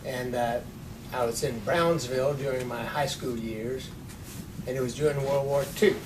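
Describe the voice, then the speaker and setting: Man in his nineties telling stories. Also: fairly even intonation. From Texas. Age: 90s. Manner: unhurried storytelling with dry humor. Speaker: interviewee. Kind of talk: oral history interview. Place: office with large windows. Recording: distant mic, rumbling noise.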